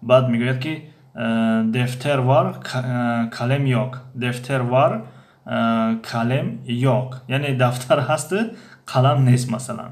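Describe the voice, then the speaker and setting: A man teaching a language lesson from a textbook, explaining phrases with many hesitations and slow repetitions. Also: mid-range voice, steady tone. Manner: hesitant, many pauses and fillers, repeats phrases slowly. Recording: echoey room.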